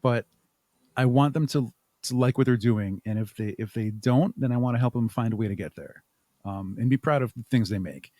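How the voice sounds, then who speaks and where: With a warm, brisk, mid-range voice and no room sound, a man appears as an interview guest on a podcast. He's a haunt makeup artist and audio drama creator, talking casually and reflectively and now and then hunting for the right word.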